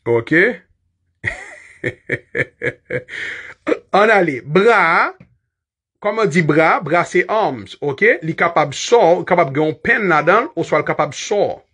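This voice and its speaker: Haitian guy teaching english, high husky voice that jumps around, laughs a lot, spells stuff out. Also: lively intonation, slow, long pauses, fairly bright tone. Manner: chatty, laughs often, spells words out. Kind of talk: casual online lesson.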